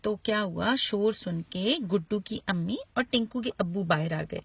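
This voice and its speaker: Husky woman telling a children's story. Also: mid-range voice, moderate pace, dry recording. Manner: chatty, asks the children questions.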